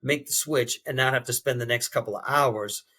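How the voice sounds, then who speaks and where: A man interviewing on a podcast who talks haltingly, with many restarts and fillers. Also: medium pitch, bright, forceful tone. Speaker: interviewer and behavior change specialist.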